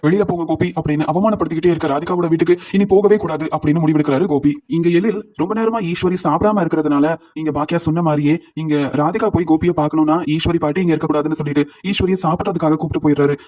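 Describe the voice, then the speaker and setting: A man recaps a TV serial at a breakneck pace. His voice sits a little high and he runs the characters' lines straight into his narration. It is a steady storytelling delivery. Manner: runs quoted dialogue into narration without pause. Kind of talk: rapid plot retelling of a TV serial.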